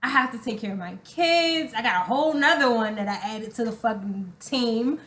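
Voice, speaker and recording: With a voice on the high side and a fairly bright tone, a young adult podcast co-host uses lively intonation at a moderate pace. Her candid, casual relationship talk is emphatic and slangy and full of cursing, all in an echoey room.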